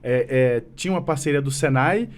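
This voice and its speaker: This guest, president of a business association, is a man in his thirties from Minas Gerais, Brazil, whose mineiro accent is wearing off. He speaks at a medium pitch and a fairly quick pace, giving earnest but rambling answers full of restarts in a relaxed interview.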